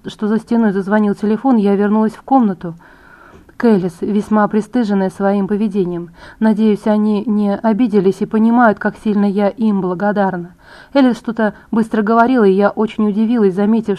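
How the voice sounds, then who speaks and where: A woman reading a novel aloud in the first person, with measured, even storytelling. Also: medium pitch. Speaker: audiobook reader. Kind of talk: first-person scripted narration.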